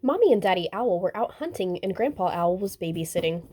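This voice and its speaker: A woman reading a children's picture book aloud, gentle and expressive. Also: on the low side, a little fast, slightly rough. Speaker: storybook reader. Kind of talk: children's story read-aloud.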